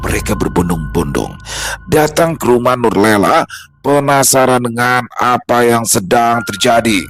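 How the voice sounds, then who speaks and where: A man narrating a horror story in a slow, somber, measured way. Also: mid-range voice, expressive, fairly bright tone. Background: background music.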